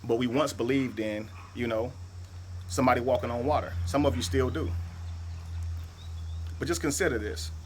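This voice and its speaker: A man's voice: medium pitch, fairly even intonation, normal speed, long pauses, slight background noise. A man giving an emphatic lecture-style monologue, spelling words out letter by letter and asking "right?" often. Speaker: video speaker.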